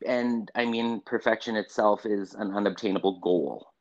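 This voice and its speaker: A man's voice: lowish voice, moderate pace. A man from Saskatchewan, a photographer and guest, talks hesitantly over a remote call whose audio glitches and cuts in and out. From Saskatchewan, Canada. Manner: hesitant, thoughtful, restarts sentences. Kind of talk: casual remote interview. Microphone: computer or phone on a video call. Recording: dull lo-fi online call audio.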